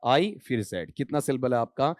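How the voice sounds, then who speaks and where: A man's voice: mid-range voice, lively intonation, moderate pace, darkish tone, no room sound, studio quality. A man teaching English grammar to a class in a lecture, calling students beta and quizzing them, then answering himself. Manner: mixes English grammar terms into his Hindi.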